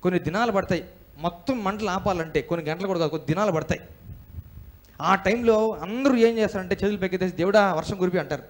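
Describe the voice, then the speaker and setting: This high-voiced man talks fast as he delivers a church sermon, a pastor from India. Forceful in tone, he quizzes the congregation and leads them in repeating his lines.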